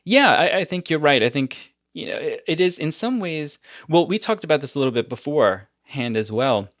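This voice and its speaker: A man hosting a podcast who tells stories in an animated, casual way and often laughs between his points. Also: on the high side, moderate pace, no room sound, clean studio sound. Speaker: podcast host. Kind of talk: casual conversation.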